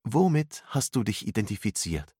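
A man doing a firm, calm female mentor. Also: lowish voice, normal speed, slightly rough, dry recording, clean studio sound. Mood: instructive. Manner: instructive, commanding.

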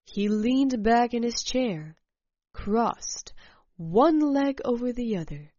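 Woman narrator for a first-person story, very slow and measured, dull dry recording. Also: mid-range voice, mellow, no room sound.

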